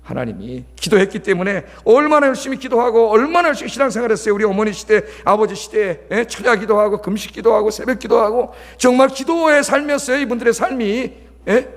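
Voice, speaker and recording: A man's voice: high-pitched, lively intonation, fast. A middle-aged male pastor preaching a sermon, talkative and scolding, often checking in with the congregation. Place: large church sanctuary. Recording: long church hall reverb.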